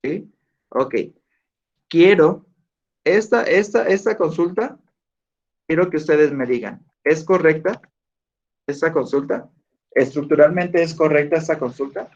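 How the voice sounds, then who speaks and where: A man's voice: on the high side, a little mellow. A male teacher giving a lesson and questioning his students. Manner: slow, deliberate, asks students questions. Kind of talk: online class lecture. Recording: dull lo-fi audio.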